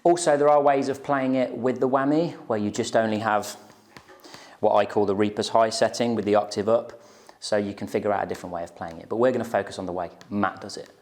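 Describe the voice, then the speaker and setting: A guitar teacher in his thirties explains things informally to the camera from a small, plain room, checking in with viewers often and speaking into a lapel mic. His voice sits on the low side and is a little mellow, with fairly even intonation and a fast delivery.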